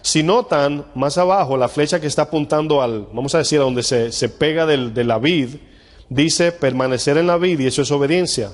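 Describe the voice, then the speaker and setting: A man's voice: fairly high pitch, normal speed. Man preaching in an echoing hall. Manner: conversational teaching, asks the congregation questions. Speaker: pastor. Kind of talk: sermon. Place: church hall with live congregation. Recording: long hall reverb.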